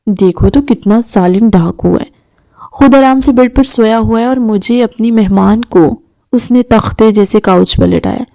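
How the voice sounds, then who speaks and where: A woman's voice: fairly high pitch, creaky, warm tone, dry recording. A woman voicing a mischievous young woman in an audio novel, teasing and bratty.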